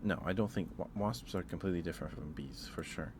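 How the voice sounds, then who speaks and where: In a casual, ASMR-like livestream, a man with a deep register thinks out loud, hesitating and qualifying his ideas. Behind him, the ambient sound is plainly audible.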